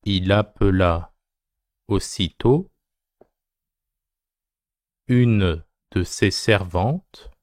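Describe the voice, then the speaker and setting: Male teacher dictating: lowish voice, very slow phrase-by-phrase delivery, punctuation read out. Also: a little mellow, dry recording, clean studio sound. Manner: dictating slowly phrase by phrase, punctuation spoken aloud. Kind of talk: dictation reading, repeated short phrases.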